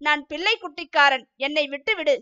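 A woman's voice: high-pitched, brisk, bright, forceful tone, muffled recording. A woman voicing a boastful older male temple clerk who begs and sobs for his life, in a storybook reading. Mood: pleading. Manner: pleading, sobbing.

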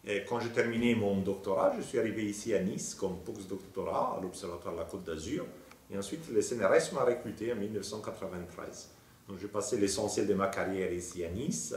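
A man's voice: low-pitched, a little mellow, distant mic, slight background noise. A man, explaining his research in a thoughtful interview with some hesitations, filmed in an office with bookshelves. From Italy. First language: Italian. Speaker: planetary scientist. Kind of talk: interview monologue. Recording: roomy, from off-mic.

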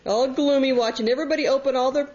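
A woman chatting and teasing slowly at a family gift opening, heard on an old VHS home video. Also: high-pitched, fairly even intonation, darkish tone. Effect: old VHS home video recording. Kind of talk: casual family chat, narrating the gift opening. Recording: hissy, dull old VHS tape.

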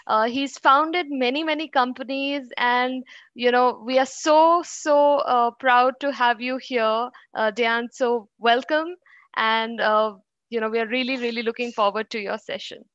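Lady host on a video call headset, high voice, dry dull sound, lotta uhs. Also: fairly even intonation, unhurried, a bit bright, dry recording. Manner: eager, filler-heavy. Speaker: event host. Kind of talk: introducing a guest speaker. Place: large bright indoor space.

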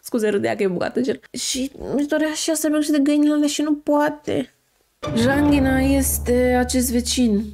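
Woman streamer with a high voice, reads submitted stories and reacts with lively outrage and humor. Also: faint music behind. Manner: expressive, reacts with outrage and humor, mixes in English phrases. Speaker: streamer reading viewer stories. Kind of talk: reading stories aloud with casual commentary.

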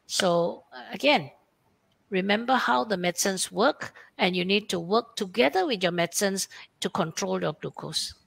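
A woman's voice: mid-range voice, normal speed, creaky, fairly bright tone, breathy edge. A woman endocrinologist with a Malaysian English accent answers webinar questions, explaining plainly and acting out what her patients say.

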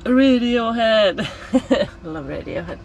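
A woman's voice: fairly high pitch, slow pace, highs cut off, a little hiss or hum. Woman with a cold chatting in a lorry cab. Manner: relaxed, chatty, laughs often, slightly non-native phrasing. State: has a cold. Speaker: lorry driver vlogger. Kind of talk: casual vlog chat. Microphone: camera on the dashboard.

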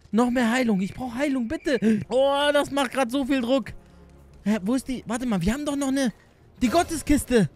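A young man giving hectic, jokey running commentary on his gameplay, often pleading with the game. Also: very high-pitched. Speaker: gaming YouTuber.

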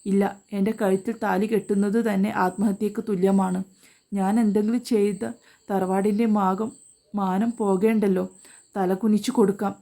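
A woman's voice: medium pitch, level tone, moderate pace, dark tone, close to an everyday voice. A woman voicing a frightened young woman who pleads through tears, in a spoken family story. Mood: hurt, resigned. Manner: tearful, pleading questions.

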